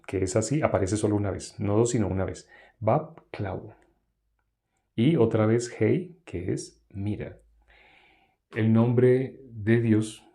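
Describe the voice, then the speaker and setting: Male preacher, dark mellow tone, animated delivery with sudden hushed drops. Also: gravelly. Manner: animated, rises sharply when acting out objections; drops to a hushed low voice on key phrases. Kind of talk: Bible teaching sermon.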